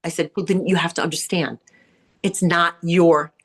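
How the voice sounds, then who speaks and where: A middle-aged woman with a raspy, grating, nasal voice, talking bluntly and candidly as an interview guest, acting out what people said. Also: fairly low pitch, normal speed. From New York area. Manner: blunt, animated storyteller who acts out quotes. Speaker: interview guest, salon owner and author.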